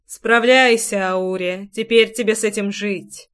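A woman's voice: medium pitch, steady tone, unhurried, fairly bright tone, smooth, natural voice. A woman reading as a curt, possessive dragon lord. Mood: cool. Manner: curt commanding orders. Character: ancient male fire dragon, cold and possessive.

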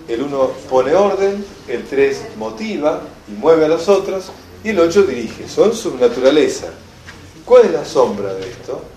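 A man with a Rioplatense accent gives a lively seminar talk, bringing his examples to life as he tells them. His voice sits a little high for a man, and it rings around an echoey room. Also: slight background noise. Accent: Rioplatense Spanish. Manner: animated storyteller, acts out shouted quotes. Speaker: enneagram teacher.

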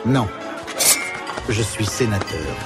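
A man voicing a smug, scheming Roman senator in an animated film, offhand and officious. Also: fairly low pitch, slow pace, over loud music. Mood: glib, smug.

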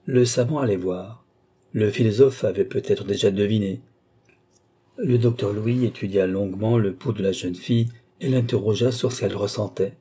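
A man reading a classic novel aloud in a measured, storytelling manner. His voice sits low, with a dark, mellow color and a husky grain. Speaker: audiobook narrator. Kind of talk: scripted narration of a classic novel.

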